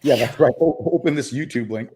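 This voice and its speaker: A man chatting on a casual livestream, enthusiastic and halting, often restarting his sentences. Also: mid-range voice, music in the background.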